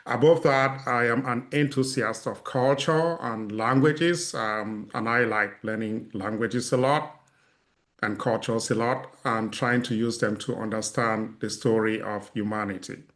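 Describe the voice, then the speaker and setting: Man, middle-aged, from Cameroon, panelist, measured, hesitant, video call. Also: medium pitch, a bit bright. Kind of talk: casual self-introduction.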